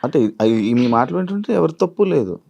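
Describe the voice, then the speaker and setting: A woman interviewer asking probing, lively questions and humming along. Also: a bass voice, a little fast, creaky, lo-fi sound.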